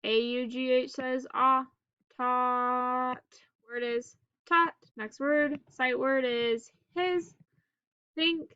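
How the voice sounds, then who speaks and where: High-voiced woman teaching in slow staccato drills. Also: steady tone, clear, resonant tone, no room sound, lo-fi sound. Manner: staccato, clipped single words with pauses between. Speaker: phonics teacher. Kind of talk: scripted phonics drill for children, word by word.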